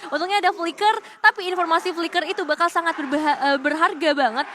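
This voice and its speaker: Fast, high-voiced female esports caster. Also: fairly even intonation, sharp tone. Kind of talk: live esports commentary of a game match.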